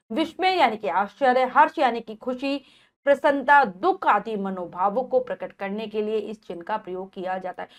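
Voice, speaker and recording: A woman's voice: sits high, a bit bright. A woman teacher explaining a grammar lesson to children, patiently repeating and rephrasing each point.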